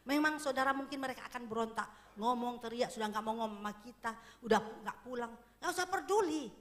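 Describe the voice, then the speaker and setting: A woman pastor giving a sermon in church, chatty and joking at first, then growing loud and emphatic as she exhorts the congregation. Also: a little high, fast. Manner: conversational preaching, rising to emphatic exhortation, laughs with congregation.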